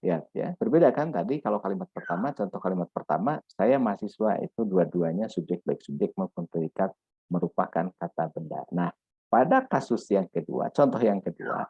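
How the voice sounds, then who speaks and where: A man's voice: low voice, lively intonation, a little fast, slightly rough, no echo. A man lecturing on grammar in a patient, repetitive way, checking in with "ya" often. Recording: dull lo-fi dry recording.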